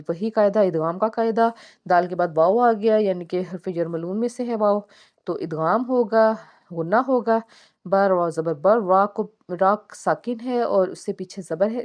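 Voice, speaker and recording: A woman teaching a Quran tajweed lesson, spelling out syllables slowly and explaining the recitation rules. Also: medium pitch, lo-fi sound. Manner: slow, deliberate syllable-by-syllable spelling with drawn-out recitation.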